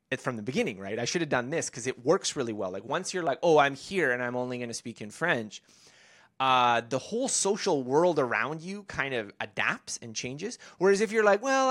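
In a conversational podcast interview, a guest in his thirties spins out a long story, stumbling through fillers and restarting sentences. He has a mid-range, fairly bright voice.

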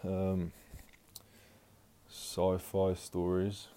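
Deep, dark and monotone, this man's voice moves extremely slowly as he hosts a casual solo podcast from home. He's out of breath while walking around the house, rambling with frequent fillers and restarts.

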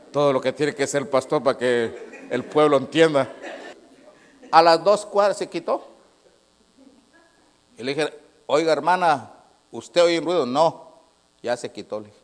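A man, preaching a sermon as pastor, moving from loud proclaiming to low, quiet storytelling and acting out both sides of a conversation. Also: a little slow, long pauses. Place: church sanctuary.

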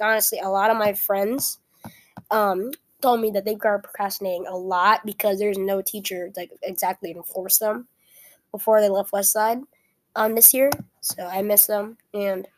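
A woman's voice: medium pitch, fairly even intonation. Young woman with a weak, sick voice. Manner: halting, self-correcting, apologetic. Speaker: student podcast host. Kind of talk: casual solo podcast talk. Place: at home.

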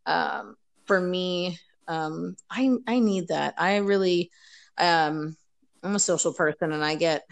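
A woman's voice: fairly low pitch, slow pace, vocal fry, poor audio. A woman from the United States chatting casually as a podcast guest over a video call, rambling with many fillers. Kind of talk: casual chat.

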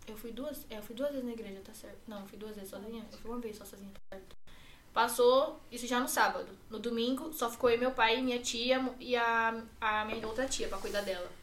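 A woman's voice: a little high, a little fast, a bit bright, echoey room, recorded from a distance, a little hiss or hum. An 18-year-old woman with a Brazilian Portuguese accent, a podcast guest telling a personal story in a run-on way, full of fillers and repeats.

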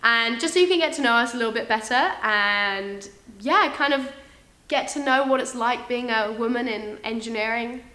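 A young woman from England hosting a casual podcast chat, loud and quick to laugh at herself. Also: on the high side, roomy sound. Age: young adult. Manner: loud, laughing, self-mocking. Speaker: podcast host, engineering student.

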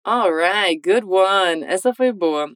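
A woman giving a scripted English lesson, modeling phrases slowly and encouraging the listener to repeat. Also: medium pitch, expressive, clear, resonant tone, dry recording. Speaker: English teacher.

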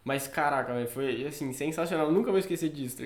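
Young Brazilian man, slightly high voice. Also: quick pace. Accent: Brazilian Portuguese. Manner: slangy, laughs easily. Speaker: podcast co-host. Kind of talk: casual chat. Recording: echoey room.

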